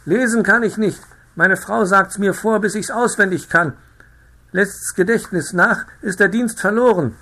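Ein Mann spricht einen aufgeregten, laut schreienden Ausrufer einer Kleinstadt in einer Hörbuchlesung. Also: male voice, measured pace, exaggerated voice. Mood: frantic. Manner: shrill, agitated yelling. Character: frantic shouting male town crier.

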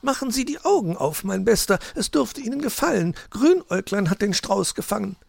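A man voicing a flirtatious female magpie in a storybook, with a very high falsetto. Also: very animated, brisk, creaky, no echo, heavily acted. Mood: coy.

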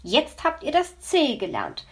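A woman voicing a patient, kindly male character teaching children in an audiobook, coaxing and gentle. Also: high voice, wildly swooping pitch, a little slow, voice pushed up, exaggerated voice. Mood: coaching. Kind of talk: audiobook reading.

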